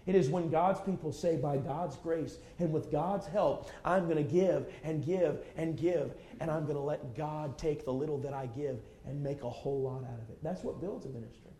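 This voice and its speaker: A man's voice: a little high, normal speed, hardly any pauses, dark tone. A man in his forties preaching a fervent, emphatic sermon full of repetition. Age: 40s.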